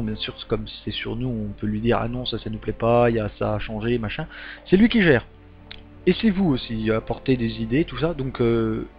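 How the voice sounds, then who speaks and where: Rambling French-speaking gaming YouTuber man. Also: medium pitch. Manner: rambling, many ums and restarts. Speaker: gaming YouTuber giving a channel update. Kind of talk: casual monthly update to subscribers. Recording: dull lo-fi sound with faint music.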